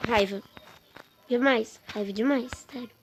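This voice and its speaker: A woman chatting excitedly and with exasperation to her viewers while commenting on a game she is playing. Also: fairly high pitch, unhurried. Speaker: gaming streamer. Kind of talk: casual gameplay commentary. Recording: noisy with clicks.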